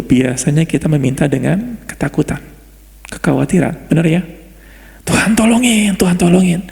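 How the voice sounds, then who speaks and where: A man preaching a sermon in a relaxed, conversational way, joking and acting out prayers. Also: mid-range voice, vocal fry, big-room sound. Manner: conversational, humorous, laughs often and acts out prayers.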